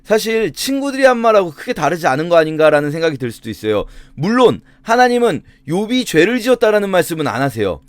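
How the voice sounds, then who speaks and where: A man's voice: high-pitched, sing-song, fast, few pauses, no room sound. A male pastor giving a conversational Bible reading commentary, explaining with rhetorical questions.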